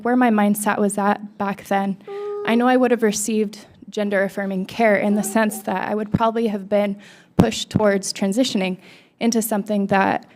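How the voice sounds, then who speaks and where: A woman's voice: medium pitch, a little mellow. A woman in her thirties from Hawaii giving emotional, conversational personal testimony at a podium microphone in a legislative hearing room. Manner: emotional, conversational, with fillers like "you know".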